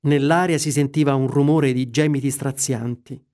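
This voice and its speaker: A man narrating a classic story in a measured, expressive way. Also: mid-range voice.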